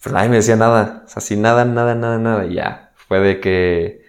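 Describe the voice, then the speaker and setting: A man's voice: lowish voice, fairly even intonation, fairly quick. A young man with a Mexican accent telling a personal story in a candid, slangy way, acting out the dialogue he quotes. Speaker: guest.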